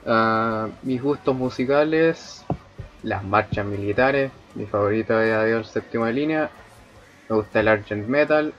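On his relaxed first livestream, a man from Chile, speaking with a Chilean Spanish accent, wanders from topic to topic and trades crude jokes with his chat. He has a lowish voice at a moderate pace, captured with lo-fi sound.

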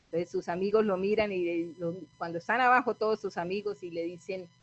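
A woman trainer gives a motivational training session and leans into storytelling, checking in with listeners through frequent little tag questions. Her voice sits at a middle pitch. The recording is dry and slightly dull, with a lo-fi edge. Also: brisk, dry recording, faint music behind.

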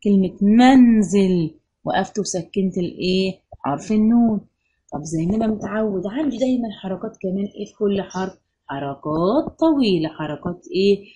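A woman's voice: medium pitch, fast talker, mellow, slightly rough. Egyptian woman teaching children phonics. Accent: Egyptian Arabic. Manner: question-and-answer drilling, stretches out example words. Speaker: primary school Arabic teacher.

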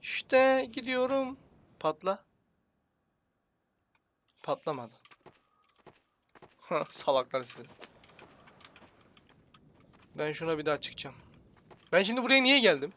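A young man giving casual, jokey commentary while playing a shooter, swearing at enemies and shouting in sudden bursts. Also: sits high, sing-song, slow pace, long pauses. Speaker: gaming channel host.

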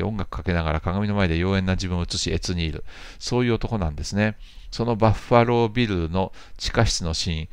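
A man in his fifties with a very low, gravelly voice reads viewer comments aloud and answers them. He rambles in a relaxed, chatty way and drops in playful asides. The sound is dry and close, with no room echo. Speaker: jazz channel host.

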